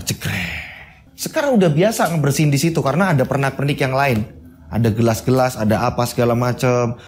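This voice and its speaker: A man's voice: a little high, a little mellow, slight background noise. A man hosting a channel and telling a horror story in a casual, chatty way, repeating phrases and adding asides.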